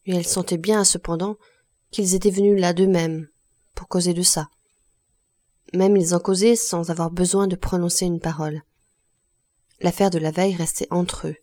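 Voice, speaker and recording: A woman reading a classic novel aloud as audiobook narration, in a measured, even manner. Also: on the low side. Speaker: audiobook reader. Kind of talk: scripted narration.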